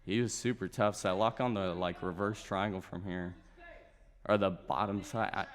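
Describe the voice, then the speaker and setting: A man's voice: deep voice, fairly even intonation, moderate pace, big-room sound. A nineteen-year-old man, a guest, chatting casually and telling stories with an easygoing manner and frequent laughs. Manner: easygoing storytelling, laughs often. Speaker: guest, grappler. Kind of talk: casual chat.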